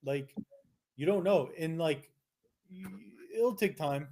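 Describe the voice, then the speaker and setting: Young Canadian male co-host, slightly high voice, argumentative, animated live-stream banter. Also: takes it slowly, slight background noise. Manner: animated, argumentative, many restarts. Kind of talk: casual live-stream chat.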